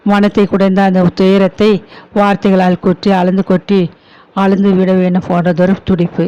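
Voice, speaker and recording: A man narrating an audiobook story in a steady, measured way. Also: high voice, clear, resonant tone. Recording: dull lo-fi recording.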